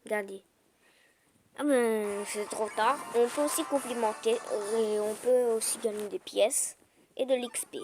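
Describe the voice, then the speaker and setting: A woman's voice: on the high side, steady tone, measured pace, a little mellow, a little hiss or hum. A woman commenting casually on her phone game as she plays, explaining with many hesitations and fillers. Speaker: gameplay commentator. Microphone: phone screen recording. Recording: game music behind the voice. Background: game music.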